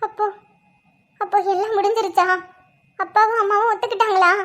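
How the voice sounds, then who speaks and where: A woman's voice: very high voice, normal speed, a bit bright. A woman voicing an anxious young heroine. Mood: demanding. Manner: pleading, distressed. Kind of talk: animated cartoon voice acting.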